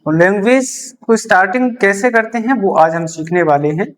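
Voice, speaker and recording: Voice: medium pitch, lively intonation, fairly quick. A teacher gives a beginner English lesson explained in Hindi, repeating key terms and answering their own questions while writing examples on a board.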